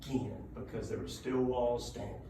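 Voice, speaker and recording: A man giving an informal talk of ghost stories and local legends, conversational, with dramatic pauses and check-ins with his listeners. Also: mid-range voice, fairly even intonation, recorded from a distance. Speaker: public speaker telling local ghost stories. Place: indoor room at a library talk. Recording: echoey room from afar, background noise.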